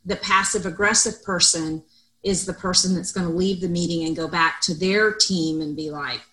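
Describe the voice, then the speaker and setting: A middle-aged woman co-hosting a casual podcast discussion. She talks loudly and expressively, with a slightly low voice. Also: normal speed, poor audio. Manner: loud, expressive talker. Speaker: podcast co-host.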